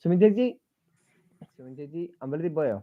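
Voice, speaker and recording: A man's voice: fairly high pitch, expressive, normal speed, dry recording. A man hosting a casual live stream, chatting, teasing and greeting viewers by name as he reads their comments. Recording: dry, slightly dull sound.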